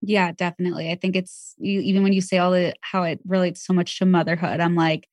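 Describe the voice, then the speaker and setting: A woman's voice: lowish voice, little pitch movement, fast, a little mellow, no echo, clean studio sound. A young pregnant woman talking candidly as a podcast guest, chatty and full of fillers. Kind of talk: casual chat.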